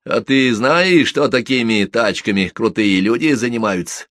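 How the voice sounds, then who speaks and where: A man voicing a rough, hoarse drunk criminal watchman who talks in coarse slang. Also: medium pitch, unhurried, a bit bright, no room sound, studio quality, lightly acted. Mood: gruff.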